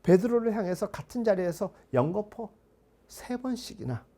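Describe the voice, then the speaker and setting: A male pastor delivers a sermon in a gravelly, husky voice that sits a little high for a man. His tone is dark and mellow, and his preaching is measured and earnest, with rhetorical questions put to the congregation. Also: very animated.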